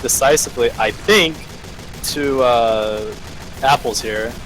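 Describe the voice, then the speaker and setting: A male esports caster breaking down a live match, thoughtful and halting, with plenty of "uh" between phrases. His voice sits at an ordinary middle pitch, with faint noise in the background. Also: a bit bright, poor audio. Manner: analytical, hesitant, many fillers. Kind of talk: live play-by-play commentary.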